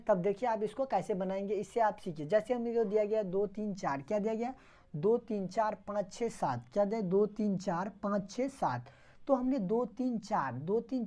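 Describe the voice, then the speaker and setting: Mellow-voiced woman teaching step by step. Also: mid-range voice. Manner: repeats questions and answers them herself, step by step. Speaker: math teacher. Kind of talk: classroom lecture.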